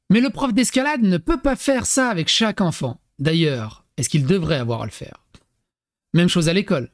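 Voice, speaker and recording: A man commenting comically on a parenting text he reads aloud, with animated, crude talk and mock acting mixed in. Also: a little high. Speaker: YouTube commentator.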